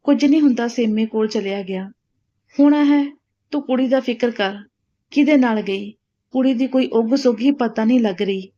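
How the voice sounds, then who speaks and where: A stubborn old farmer uncle, gruff and scolding, as a woman narrator puts him on. The voice sits fairly high and mellow. The recording sounds dull and lo-fi. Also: normal speed, natural voice. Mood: angry.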